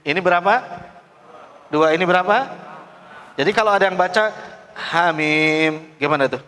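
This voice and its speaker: A middle-aged man leads a recitation class, calling out letters and coaxing his students to answer loudly. His voice sits a little high for a man and rings with a long reverb, like a hall or mosque. He speaks in a patient, drilling teacher's manner. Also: moderate pace, smooth. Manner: drills students call-and-response, coaxing them to read loudly. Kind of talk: classroom tajwid lesson.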